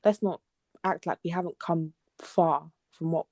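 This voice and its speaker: A woman's voice: low voice, steady tone, measured pace, creaky, dark tone, no echo. Laid-back young woman podcast host. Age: young adult. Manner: rambling, laid-back, with many fillers. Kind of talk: casual podcast chat.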